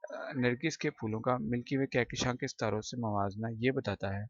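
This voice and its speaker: A man's voice: medium pitch, fairly even intonation, moderate pace, dry recording, dull audio. A male English teacher giving a recorded lesson, explaining each word patiently and often repeating himself. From Pakistan.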